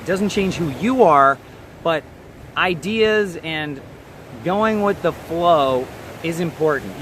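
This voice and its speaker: A man's voice: fairly high pitch, background noise. Emphatic man coaching actors outdoors. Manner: direct, emphatic, repeats "okay?" to check in. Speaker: acting coach. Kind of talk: advice monologue to camera.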